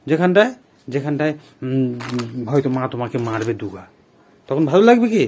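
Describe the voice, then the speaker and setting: A man playing a father in a family vlog, coaxing and gently lecturing his daughter. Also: medium pitch, big pitch swings, a little fast, a little hiss or hum. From Bengal. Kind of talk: scripted family drama vlog.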